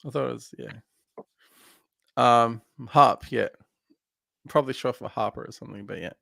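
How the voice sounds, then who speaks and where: A man's voice: medium pitch, normal speed, gravelly, bright, forceful tone, no room sound. A man co-hosting a casual film podcast, recapping scenes in a rambling way with lots of fillers. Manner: rambling recap with many fillers, laughs easily. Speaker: podcast co-host.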